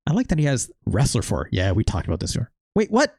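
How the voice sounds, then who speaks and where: A man with a gravelly, creaky voice chatting over a video game, his pitch swinging widely as he reacts. He talks casually and drops sarcastic asides. Faint game music plays behind him. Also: huge pitch swings, quick pace, a little mellow, slight background noise. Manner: wry, sarcastic asides with frequent laughs. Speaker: let's play host.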